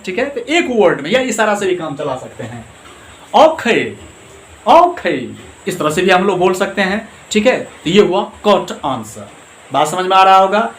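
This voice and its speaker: A man teaching English grammar, explaining slowly in Hindi mixed with English and often checking that his listeners follow. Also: high-pitched. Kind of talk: classroom grammar lesson. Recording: echoey room with faint noise.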